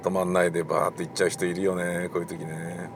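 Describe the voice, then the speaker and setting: A man's voice: low-pitched, little pitch movement, fast talker. A middle-aged man, a radio host and theatre director, talks casually while driving, rambling with many fillers in a polite explaining tone. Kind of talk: casual solo talk recorded while driving. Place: in a car in city traffic. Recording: car and street noise behind.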